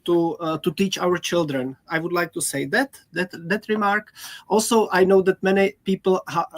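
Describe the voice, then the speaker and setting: A middle-aged woman from the Czech Republic with a Czech accent, giving panel remarks in a halting way, searching for words. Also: fairly low pitch. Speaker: teacher, panel speaker.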